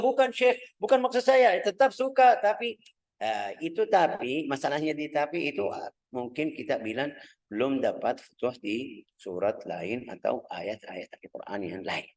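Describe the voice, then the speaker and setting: A man's voice: lowish voice, darkish tone. Man teaching a religious lesson. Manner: explains slowly in simple Indonesian, searching for words, acts out voices. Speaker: Islamic teacher.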